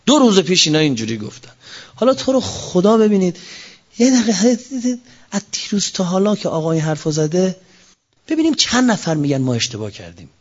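A man delivers a fervent sermon in a fairly high voice, swinging sharply between lifted cries and low, slow phrases. He slows right down to recite scripture. The sound is dull and lo-fi. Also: sing-song. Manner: fervent, with sudden rises and drops in pitch; recites scripture verses slowly. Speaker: preacher. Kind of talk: impassioned sermon. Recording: dull lo-fi recording.

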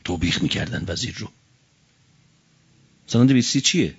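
A man's voice: lowish voice, animated, vocal fry, slightly rough. Male cleric preacher, fiery sermon, dull lo-fi sound. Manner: fiery oratory, swinging from quiet to shouting; chants Arabic quotations slowly. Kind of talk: religious sermon.

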